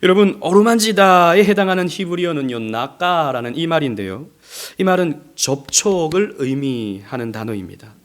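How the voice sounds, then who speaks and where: A middle-aged man from South Korea delivers a Sunday sermon from the pulpit of a church. His voice sits a little high for a man, and he moves from soft, tender phrasing to strong, emphatic stresses, sometimes acting out the lines he quotes. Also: animated, moderate pace. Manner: gentle, rising to emphatic, acts out quoted speech. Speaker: pastor. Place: church sanctuary.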